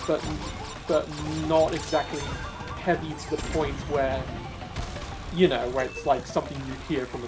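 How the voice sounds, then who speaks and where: A British man in a casual gaming voice chat, explaining things with many restarts and repeats. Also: a little high. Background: racing game music.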